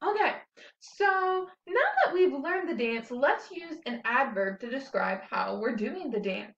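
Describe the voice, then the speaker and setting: Slow, upbeat young woman teacher. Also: sits high, expressive, fairly bright tone, echoey room, highs cut off. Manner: slow, clear and cheerful, leading a sing-along dance chant. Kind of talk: teaching children a grammar lesson.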